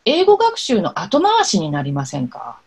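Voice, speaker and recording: Low-pitched woman with lively intonation. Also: breathy edge. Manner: measured, thoughtful, many soft fillers. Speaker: podcast guest, interpreter and pronunciation consultant. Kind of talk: casual podcast interview.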